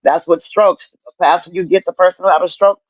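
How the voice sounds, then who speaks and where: A middle-aged woman telling her story in casual chat, animated and profane, acting out what people said to her. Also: fairly low pitch, fairly quick. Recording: dull lo-fi dry sound.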